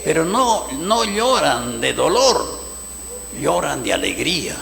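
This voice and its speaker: A man preaching a fervent sermon as pastor, his voice gravelly, swinging between soft passages and loud bursts. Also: a little high, very animated, slow, noisy background. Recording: echoey church hall, long reverb.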